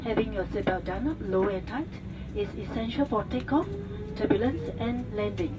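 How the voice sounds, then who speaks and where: Female flight attendant, formal instructional safety briefing, mid-pitched voice, distant PA with loud aircraft noise. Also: normal speed. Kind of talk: scripted airline safety briefing announcement. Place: inside an airliner cabin over the PA. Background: loud aircraft cabin ambience.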